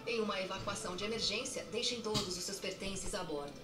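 A woman with a Brazilian Portuguese accent reads an in-flight safety announcement over the aircraft cabin PA in a formal, measured way. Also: mid-range voice. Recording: echoey PA, distant, music behind.

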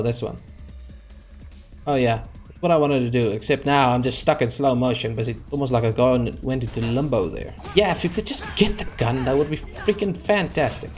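A man's voice: mid-range voice, a little mellow. A young man giving let's-play commentary, frustrated and sarcastic, talking back at the characters on screen. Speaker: gaming channel host. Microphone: desk microphone.

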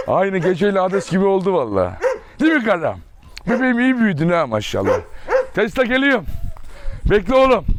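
A man's voice: fairly high pitch, darkish tone. A man running a dog farm, chatting casually to his viewers and fondly calling to his dogs outdoors. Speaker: dog farm owner vlogger. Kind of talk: casual vlog talk to viewers. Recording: noisy outdoor recording with barking dogs. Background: dogs barking.

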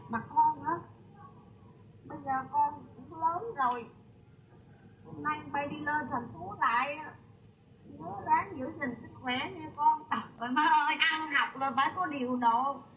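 Comedy skit: fretful, high-voiced Southern country mom, sentimental nag, muffled and noisy. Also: female voice, measured pace. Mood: fussing. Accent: Southern Vietnamese. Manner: nagging, sentimental, exclaims constantly. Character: fussy, doting middle-aged countryside mother and wife. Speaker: comic actor. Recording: distant, muffled, noisy rural recording.

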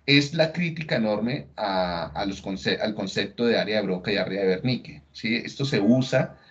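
A man's voice: lowish voice, lively intonation, normal speed, a bit bright. A man giving a lecture on slides, talking conversationally and often checking in with tag questions. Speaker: neuroscience lecturer. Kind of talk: recorded lecture explaining slides. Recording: dull lo-fi recording.

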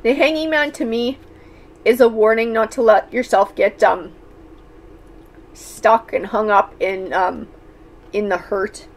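A woman's voice: medium pitch, slow pace, long pauses. A woman doing a tarot reading, speaking thoughtfully with frequent fillers and restarts. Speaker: tarot reader.

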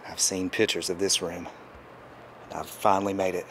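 A man, awed and hushed as he thinks aloud on a walking tour of an empty hotel suite. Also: low voice, flat delivery, normal speed, slight background noise. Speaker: travel vlogger.

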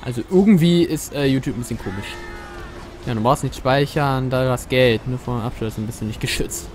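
A gaming streamer with a German accent jokes around in casual let's-play commentary, chatting with viewers and swearing freely. His medium-pitched voice moves a little fast, with faint music in the background.

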